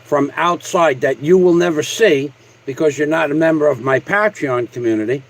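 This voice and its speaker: A man with a voice on the high side speaks at normal speed on a casual livestream, ranting at a viewer in a combative, boastful, foul-mouthed way. The recording is rough.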